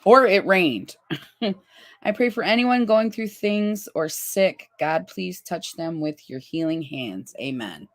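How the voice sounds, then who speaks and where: Chatty woman in her fifties, low voice. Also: expressive, takes it slowly. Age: 50s. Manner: chatty, reads viewer comments aloud with laughs. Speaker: livestream host. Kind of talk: casual livestream chat.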